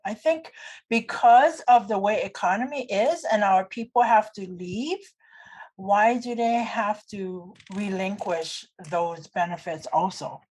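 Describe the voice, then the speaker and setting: A woman, hosting a podcast interview in a calm, thoughtful way. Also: mid-range voice, husky, rough recording. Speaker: podcast host.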